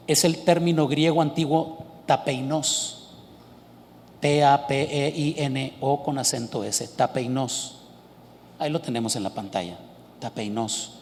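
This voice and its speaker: A man's voice: medium pitch, darkish tone, a little hiss or hum. A man preaching a sermon with emphasis, asking the congregation questions and answering them himself. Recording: long hall reverb.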